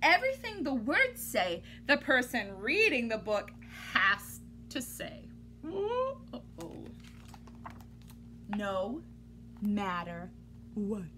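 In a small room at home, a woman in her thirties reads a picture book to children like a teacher, theatrical, exaggerated, and playfully exasperated. Her fairly high voice swoops wildly in pitch, sounds pushed and bright, and moves slowly with frequent pauses. The home recording has noticeable background noise.

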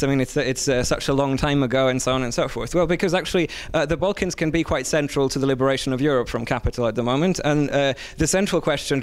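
A man's voice: fairly high pitch, smooth. Earnest young man at a handheld mic. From Serbia. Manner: earnest, hesitant with many fillers and restarts, gesturing. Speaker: audience member speaking at a panel. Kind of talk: impassioned public comment. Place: conference hall.

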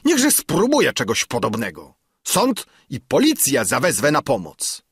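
A man's voice: mid-range voice, huge pitch swings, unhurried, a bit bright, husky, no echo, studio quality, voice pushed up, heavily acted. A man voicing a pompous old councillor who is easily frightened and bursts into indignant exclamations. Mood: alarmed, indignant.

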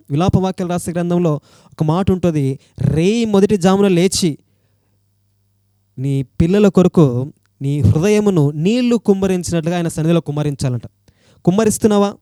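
A man's voice: high-pitched, dark tone, dry recording, clean studio sound. A male preacher with a Telugu accent, delivering an earnest sermon and pleading with his listeners through repeated rhetorical questions.

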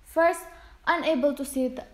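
A woman's voice: high-pitched, steady tone, moderate pace. A young woman presenting casually to camera as the host of a home video. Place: indoor living room, on a sofa. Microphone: distant camera microphone. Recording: echoey room.

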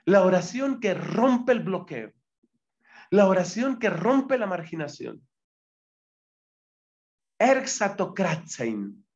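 A man teaching a Bible exegesis lesson as a friar, deliberate and repetitive, reading Greek terms aloud. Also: sits high, expressive, a little mellow, lo-fi sound. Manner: deliberate, repeats key phrases, reads Greek terms aloud.

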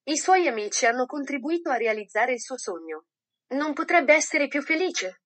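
A woman narrating a children's Christmas story in a gentle, measured reading voice. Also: sits high, animated. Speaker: audiobook narrator.

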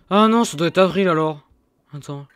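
A young man's fairly high, slightly bright voice with a clear, resonant tone and no echo streams a game, chatting casually with friends over voice chat. He's talkative, laughs a lot, and scrolls through old messages.

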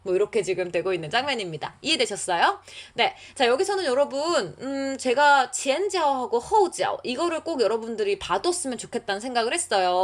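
A young woman runs an online language lesson with plenty of encouragement. Her voice sits a little high and swings up and down a lot. She slows right down whenever she reads a practice sentence aloud. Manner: lively, encouraging, reads Chinese lines slowly for learners. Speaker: Chinese language teacher.

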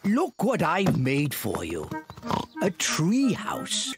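Grandpa Pig, slow jolly old British pig. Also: male voice, fairly high pitch, wildly swooping pitch, over music, heavily acted. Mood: jolly, proud. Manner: slow, exclaiming delivery for small children. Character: jolly elderly grandpa pig, doting and hearty.

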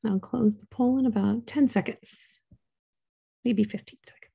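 A woman running the polls in an online meeting, speaking in a calm, matter-of-fact way over a video call. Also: fairly high pitch, moderate pace, gravelly, slightly rough.

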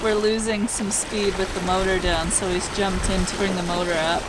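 A woman's voice: mid-range voice, level tone, moderate pace. A young woman vlogging aboard a sailboat at sea, chatty and joking, talking into an action camera outdoors. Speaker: sailing vlogger. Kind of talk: casual vlog chat and voice-over. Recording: loud wind and sea noise. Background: wind and water.

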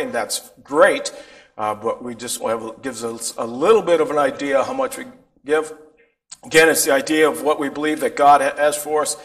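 A man's voice: a little high, fairly bright tone. An older man giving informal church announcements from a pulpit in a sanctuary, with frequent restarts. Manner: informal, rambling, many restarts. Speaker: pastor.

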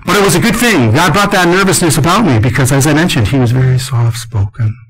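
Older male conference speaker, slightly high voice, lively storyteller who acts out the lines of the people he quotes. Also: fast talker, slightly rough, rough recording. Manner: animated storyteller, acting out quotes.

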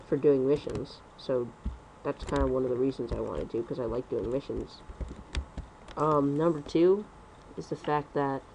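A young man rambling through casual gameplay commentary at home on a computer mic, talking fast and correcting himself. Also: medium pitch, mellow, a little hiss or hum, rough recording. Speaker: gaming commentator.

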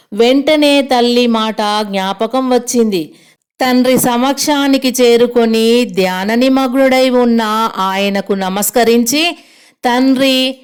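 A woman's voice: fairly high pitch, darkish tone, clean tone. A woman storyteller reading a simplified retelling of an ancient epic aloud, keeping the quoted lines close to her own voice.

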